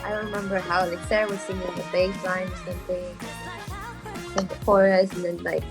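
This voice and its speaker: A woman's voice: on the low side, flat delivery, fairly quick, over loud music. A woman from Thailand, a drummer and producer, telling a story casually with many fillers and giggles. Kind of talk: casual interview chat.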